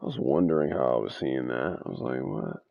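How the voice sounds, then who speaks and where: A man's voice: very deep voice, animated, brisk, gravelly, no echo, lo-fi sound. A man giving casual gameplay commentary in a slangy, repetitive way. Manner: slangy, repeats phrases. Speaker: gamer, channel host.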